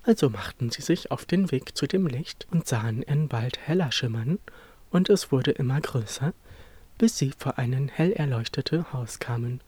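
A narrator reading a fairy tale aloud in an expressive storytelling manner. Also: medium pitch, moderate pace, slightly rough, no echo.

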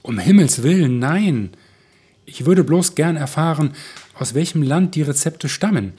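A man's voice: on the high side, unhurried, slightly rough, pitched above the performer's own voice, exaggerated voice. A man voicing a spirited woman baker. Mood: emphatic. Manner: emphatic, animated. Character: lively middle-aged woman baker, direct and spirited.

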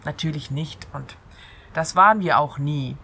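With a low, bright and forceful voice at a measured pace, a woman hosts a free radio show, chatting informally and directly to whoever is listening. Outdoor ambience from an open window is clearly audible behind her.

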